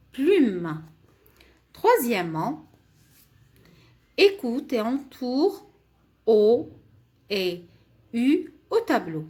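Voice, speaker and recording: A woman teacher, taking her time over every word, speaking slowly and carefully. Her pitch rises and falls widely as she stresses each sound for young pupils. She repeats words and letters patiently so children can follow along. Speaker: primary school teacher. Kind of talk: French lesson for young pupils, explained in Arabic.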